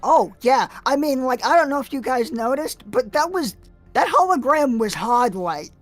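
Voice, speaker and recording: A woman playing a tabletop game in character, chatty and animated. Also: high-pitched, normal speed, soft background music. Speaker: player.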